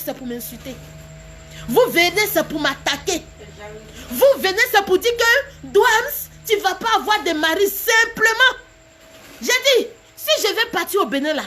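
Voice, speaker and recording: Very high-voiced woman. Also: a bit bright, a little hiss or hum. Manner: emphatic, repetitive, laughing between phrases. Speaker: live video host. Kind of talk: live stream monologue.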